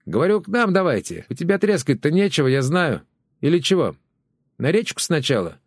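A man voicing a brash village neighbor woman who shouts across a fence, loud and blunt, in a dry close recording. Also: fairly high pitch, very animated, brisk, no echo, voice pushed up.

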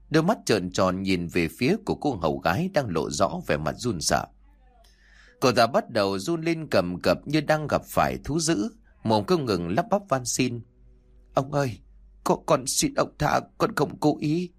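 A man reading a dark folk tale aloud in a dramatic, expressive audiobook style. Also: lowish voice. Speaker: storyteller. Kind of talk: scripted audiobook narration. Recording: soft background music.

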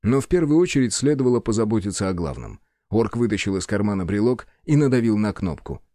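A man narrating an action story in a measured, dramatic reading. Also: on the low side, very animated, mellow, no echo, clean studio sound. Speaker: audiobook narrator. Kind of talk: scripted narration.

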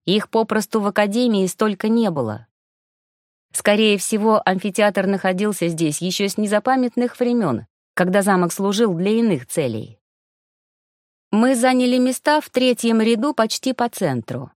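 Audiobook narrator: woman, mid pitch, even wry delivery, dry booth sound. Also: moderate pace, no echo. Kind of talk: scripted narration. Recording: dry close studio sound.

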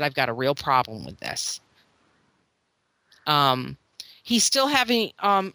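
Low-voiced woman, bright and dry. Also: no room sound. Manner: frank, quotes her child in retelling. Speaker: podcast co-host and parent. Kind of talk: casual chat.

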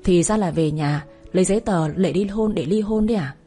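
A woman's voice: on the low side, a little fast, mellow, breathy edge, faint music behind. A woman voicing an angry, violent young husband who speaks harshly and makes threats.

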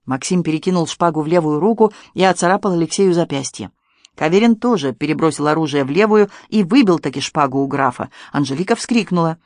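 Measured audiobook narrator, dry close sound. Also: mid-range voice, a little mellow, no echo. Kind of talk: scripted narration.

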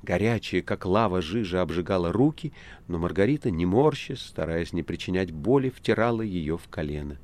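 A man narrating an audiobook in an expressive, lively storytelling manner. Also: low-pitched, moderate pace. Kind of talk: scripted narration.

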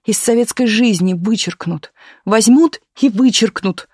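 A reader voicing a frightened, weary young actress who speaks quietly and pleadingly, often close to a whisper. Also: mid-range voice, a little slow, slightly rough, dry recording, pitched above the performer's own voice.

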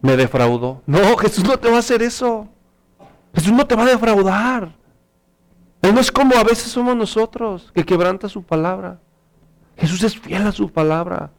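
A male pastor preaching a sermon, telling a story and reading scripture in an earnest, animated way. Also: normal speed. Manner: earnest and animated, rises in pitch for emphasis.

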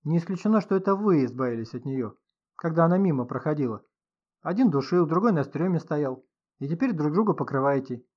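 A man's voice: a little high, expressive, brisk, dull audio. A man reading an audiobook, voicing a sardonic, commanding host of a house. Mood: needling. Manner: ironic, commanding. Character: sardonic middle-aged male host of the house, mocking.

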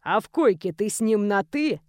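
A woman's voice: mid-range voice, lively intonation, normal speed, dry recording, clean studio sound, pitched below the performer's own voice, natural voice. A woman reading an audiobook, voicing an arrogant, crude young male student who sneers and taunts. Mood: sneering threatening.

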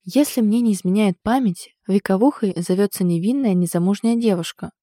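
A woman's voice: mid-range voice, a little fast, dark tone, no room sound, studio quality, close to an everyday voice. A woman voicing a sly joking ex-soldier man. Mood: teasing. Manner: mocking, playful.

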